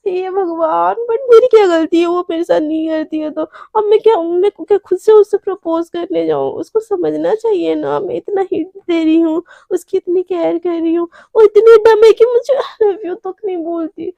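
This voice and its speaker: A woman's voice: extremely high pitch, creaky, mellow, dry recording. A woman voicing a lovestruck young woman, teasing and dreamy, in a told love story.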